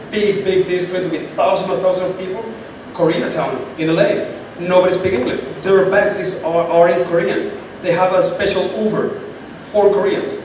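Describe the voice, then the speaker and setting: Speaking at a moderate pace, this man has a high-sitting voice and a steady tone, plus a Chilean Spanish accent. As a startup event guest, he answers questions with emphasis and repeats himself to stress key points, captured in a noisy, echoey, far-off room.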